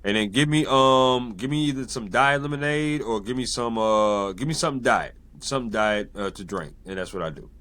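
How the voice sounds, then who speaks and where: A man from San Diego hosting a casual podcast interview, talking in a relaxed way with lots of fillers and repeated affirmations. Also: medium pitch, brisk, few pauses, slight background noise. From San Diego, United States. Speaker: podcast host and sports journalist.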